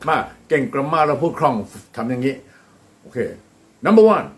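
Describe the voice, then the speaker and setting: Upbeat Thai-accented English teacher. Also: male voice, medium pitch, steady tone, a bit bright. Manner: slow, deliberate modeling of English phrases, then quick Thai explanations; upbeat and encouraging, often praising the students. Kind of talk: classroom-style English drill.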